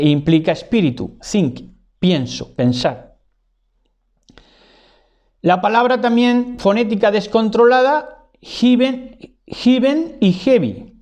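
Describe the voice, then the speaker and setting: A man's voice: sits high, a little mellow. A man giving a didactic monologue, repeating key words and tagging his points with "¿verdad?". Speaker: lecturer.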